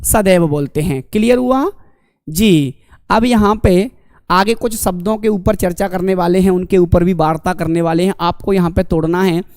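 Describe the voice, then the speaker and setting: A man's voice: high-pitched, normal speed, a little mellow, dry recording, clean studio sound. Man teaching a Hindi grammar class. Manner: calls students "my dear companions", asks and answers own questions. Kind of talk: online exam-prep lecture.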